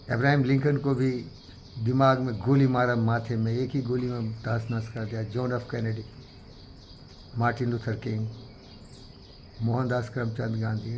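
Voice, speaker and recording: A man giving an emphatic, moralizing talk to a gathering, preachy, with sudden loud outbursts. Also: mid-range voice, slight background noise. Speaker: speaker addressing a gathering. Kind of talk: moralizing motivational speech.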